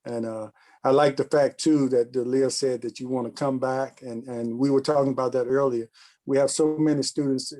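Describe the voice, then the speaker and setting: A man hosting a casual talk show, giving measured, thoughtful commentary in long musing runs. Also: mid-range voice, steady tone, mellow.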